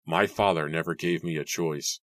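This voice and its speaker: A man's voice: low-pitched, fairly even intonation, moderate pace, a bit bright, dry recording. A man voicing a bitter, regretful young man who speaks earnestly and passionately. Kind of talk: audiobook character voice.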